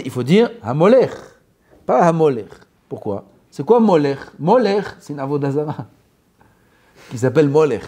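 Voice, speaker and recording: A man giving a lively religious lesson, asking the class questions and drilling how words are pronounced. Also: fairly high pitch. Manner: animated, asks questions and drills pronunciation. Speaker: rabbi teaching.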